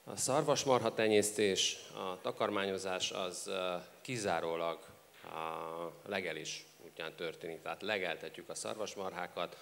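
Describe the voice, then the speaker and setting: Male interpreter, very low voice, halting live delivery, hall reverb and faint noise behind. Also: steady tone, vocal fry, a bit bright. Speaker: consecutive interpreter. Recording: echoey hall with background noise.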